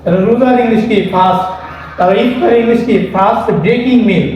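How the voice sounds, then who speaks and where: A man leads a vocabulary lesson with a fairly high voice, spelling out words one letter at a time and quizzing himself as he goes. He sounds like he is in a very echoey room with a faint hiss behind him. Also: brisk, darkish tone, muffled recording. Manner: spells words letter by letter, asks and answers his own questions. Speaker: English vocabulary teacher.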